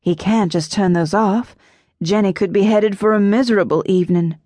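A woman voicing a gentle, caring older mother who speaks in a soft, thin, slightly shaky way. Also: mid-range voice, moderate pace, dry recording, clean studio sound, close to an everyday voice.

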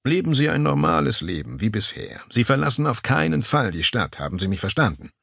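A male narrator voicing a calm, firm male caller who speaks in a deep, measured tone in an audiobook thriller. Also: creaky, husky, no room sound, clean studio sound, full character voice. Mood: commanding.

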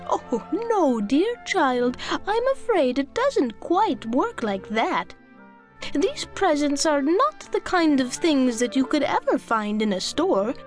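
Storybook fairy godmother, gentle and sweet, lifted high and slow as a woman reads her. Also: sing-song, soft background music, exaggerated voice. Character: kindly female fairy godmother, gentle and gracious.

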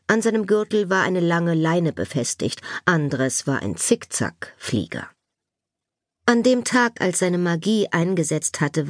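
Husky woman narrating a children's story. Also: fairly low pitch, dry recording, studio quality. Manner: expressive, playful storytelling. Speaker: audiobook narrator.

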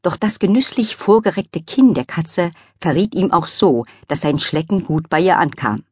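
A woman narrating a children's audiobook with lively, wide-ranging intonation. Her voice is lowish and slightly breathy, recorded close and dry in a studio. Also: normal speed, no echo. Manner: expressive, lively reading. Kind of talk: scripted narration.

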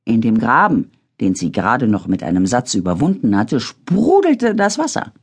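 Woman audiobook narrator, dramatic, very lively intonation. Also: very deep voice, moderate pace, slightly rough. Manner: dramatic, expressive reading.

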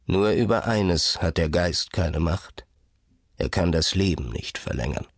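A man voicing a weary old man who sighs heavily as he talks someone into buying a cursed bottle, speaking low and hushed. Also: animated, measured pace, no echo, studio quality, heavily acted. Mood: weary, persuasive.

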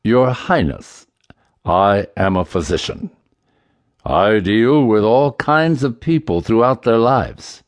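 A man's voice: fairly low pitch, animated, dry recording. A man voicing a dignified physician addressing a king earnestly. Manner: measured, earnest.

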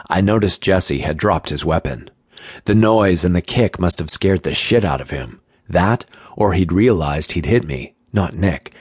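A man reads a tense first-person thriller, his deep voice slightly husky. He keeps a steady pace, and the recording is close and dry with no room sound. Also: dry recording. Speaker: audiobook narrator. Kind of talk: first-person scripted narration.

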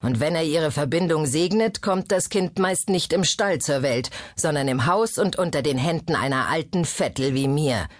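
A woman's voice: sits low, expressive, normal speed, few pauses, no room sound, clean studio sound. A woman voicing a stern, dignified older midwife in an audiobook. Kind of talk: audiobook character voice.

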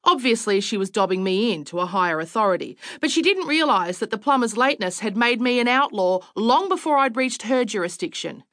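A woman's voice: fairly high pitch, expressive, brisk, few pauses, fairly bright tone, no echo, studio quality. Wry Australian woman reading her memoir. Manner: wry, self-mocking storytelling. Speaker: author narrating her own audiobook. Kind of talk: audiobook memoir narration. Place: recording studio.

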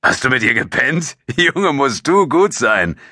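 A man's voice: lowish voice, moderate pace, pushed and bright, no room sound, clean studio sound, voice pushed up. Man doing a taunting, cynical soldier. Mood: mocking. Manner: sarcastic, taunting. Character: mocking cynical male soldier, brash and streetwise.

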